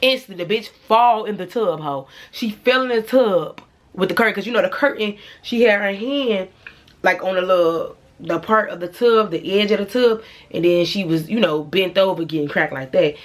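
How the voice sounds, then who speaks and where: Profane, animated young woman telling a story. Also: medium pitch, normal speed. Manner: blunt, profane, animated storytelling addressing viewers. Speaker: vlogger. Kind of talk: storytime vlog.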